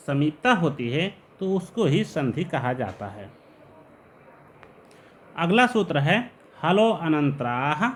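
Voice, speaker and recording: Lively patient Sanskrit grammar teacher, man. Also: high-pitched. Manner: patient, repeats key terms slowly. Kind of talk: explaining a lesson to students.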